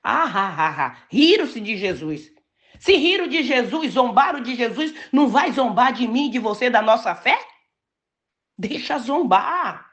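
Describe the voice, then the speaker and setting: Older brazilian woman preaching, kinda high voice, really animated, drags out the big words. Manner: storytelling, emphatic, slows to stress key words. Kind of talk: sermon.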